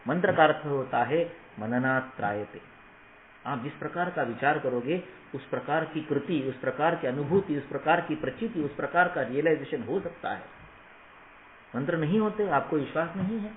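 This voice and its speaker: A man's voice: a little high, expressive, moderate pace, echoey room, narrow, tinny audio, a little hiss or hum. A man teaching Ayurveda students in an emphatic motivational lecture, often asking the class rhetorical questions. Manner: emphatic, rhetorical questions, mixes English phrases.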